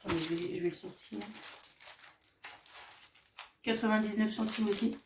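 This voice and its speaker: A woman vlogger casually showing off her craft shopping haul, chatty and hesitant, often pausing on fillers as she describes each item. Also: mid-range voice, steady tone, recorded from a distance, very noisy. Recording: echoey room, voice off-mic.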